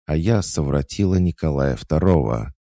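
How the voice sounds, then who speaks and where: A man's voice: a bass voice, expressive, moderate pace, mellow, no echo, studio quality, pitched above the performer's own voice. A man doing a sly, mocking young witch. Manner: teasing, sarcastic. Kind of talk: audiobook character voice.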